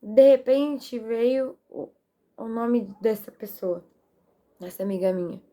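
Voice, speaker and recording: A young woman speaks in a warm, mellow voice, sharing a personal faith story in a relaxed, casual way. She is earnest and animated, acting out her own prayers as she talks. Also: a little high, slow. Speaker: vlogger sharing a faith testimony. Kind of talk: casual spoken testimony. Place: her bedroom.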